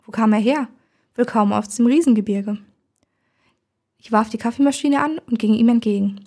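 Husky woman reading a story. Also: fairly high pitch, moderate pace. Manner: calm, even storytelling. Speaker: narrator. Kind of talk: first-person story reading.

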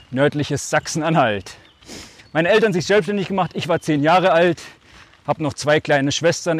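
A fairly high-pitched man in his forties guests on a podcast, his northern German Altmark accent carrying a slight Swabian touch. He tells stories casually and reflectively, in short phrases, often lengthening his words.

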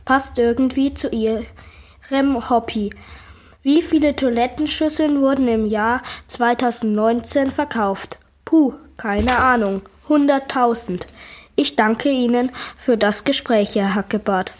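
A woman narrating a humorous story aloud and reading out quiz questions deliberately. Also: a little high.

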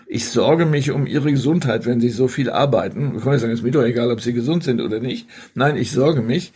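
A man speaking as a podcast guest, measured and reflective, with frequent hesitations. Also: medium pitch, darkish tone, husky. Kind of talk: reflective conversational podcast talk.

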